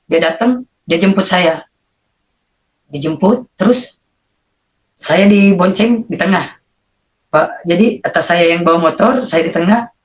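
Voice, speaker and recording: A guest from Indonesia giving an emotional personal testimony, telling the story in an earnest, halting way with frequent fillers. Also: medium pitch, rough recording.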